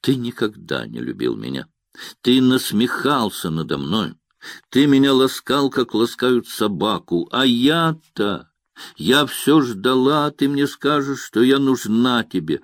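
A man's voice: mid-range voice, lively intonation, a little slow, no echo, clean studio sound. A man reading the lines of a jealous young woman who pleads and reproaches her lover, in an audiobook. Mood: hurt pleading.

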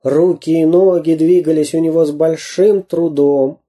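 A narrator reading a children's adventure book aloud in a slow, dramatic way. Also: mid-range voice, steady tone, dark tone. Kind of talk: storybook reading.

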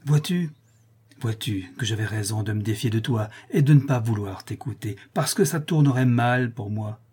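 Casting: a man putting on a hard, bitter street woman, angry, low mellow voice, husky edge. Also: normal speed, close to an everyday voice. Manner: angry, tormented outbursts.

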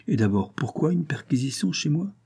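A man voicing a fierce, defiant middle-aged woman artist in an audiobook, raising his voice high and insistent. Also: big pitch swings, brisk, vocal fry, warm tone, husky, heavily acted.

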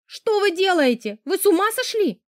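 A terrified young woman, read by a woman narrator pleads in a high, strained voice. The audiobook reading is close and dry. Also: very animated, moderate pace, no echo. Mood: panicked pleading. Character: frightened young woman, the heroine.

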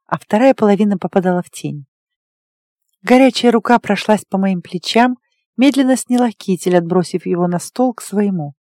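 A woman's voice: medium pitch, darkish tone, no echo. Woman narrating a romance audiobook, dry sound. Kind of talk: first-person audiobook narration.

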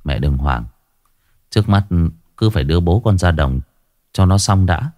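A man voicing a grown son at his father's funeral, speaking in a low, measured way. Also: lively intonation, a little mellow, no room sound, clean studio sound. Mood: composed.

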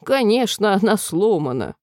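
An excitable, hot-tempered little twin boy from a storybook, played by a woman reader. He speaks emphatically, mostly in exclamations, with a mellow, soft-edged voice. The sound is close and dry. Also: mid-range voice, normal speed, no echo, close to an everyday voice.

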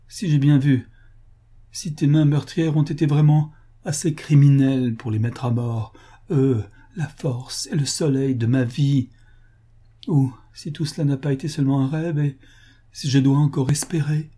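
Distraught young captive woman, plaintive, tearful, pleading, as a man voices her, husky tone. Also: medium pitch, fairly even intonation, unhurried, mellow, voice pushed up.

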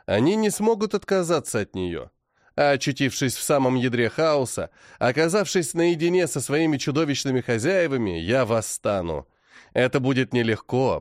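A man narrating a first-person fantasy audiobook in a dramatic, expressive way. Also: medium pitch, no echo, studio quality.

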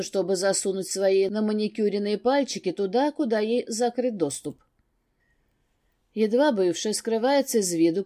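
A woman narrating a first-person novel as an audiobook, in an even, steady storytelling manner. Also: medium pitch.

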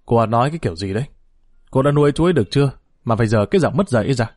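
An aggrieved old mother, voiced by a male storyteller who rants bitterly and shouts her grievances. The voice stays close to his own middle pitch, and the reading sounds dry and close. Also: animated, rapid-fire, dry recording, close to an everyday voice. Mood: wrathful. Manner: ranting, bitter.

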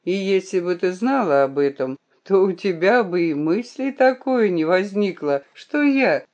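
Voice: mid-range voice, expressive, measured pace, darkish tone, muffled recording, close to an everyday voice. A reader voicing a young man, an anxious and defensive brother, in an audiobook, with agitated, pleading questions. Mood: earnest. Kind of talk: audiobook reading.

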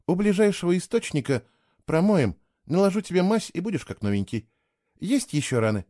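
A man voicing a brisk, cool-headed young woman traveler who talks in a curt, mocking way. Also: high-pitched, sing-song, warm tone, no room sound, studio quality, voice pushed up. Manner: curt, mocking, matter-of-fact.

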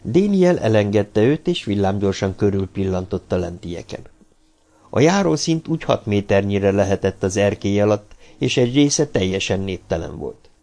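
A man narrating an audiobook in a measured, even storytelling manner. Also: fairly low pitch.

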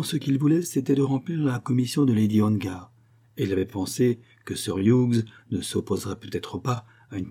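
Guy narrating an old novel, low voice, calm and steady. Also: slightly rough. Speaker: audiobook reader. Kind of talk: scripted narration of a classic novel.

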